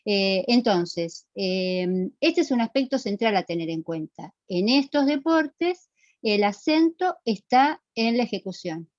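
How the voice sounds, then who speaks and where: Muffled, dry teacher. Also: female voice, medium pitch, expressive, measured pace, no echo. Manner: explanatory, asks the class questions and repeats answers. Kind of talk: online class lecture with student questions.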